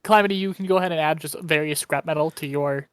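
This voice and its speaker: A woman game master narrating a tabletop game in a halting, amused way. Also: deep voice, clear, resonant tone, dry recording. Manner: halting, amused, full of ums.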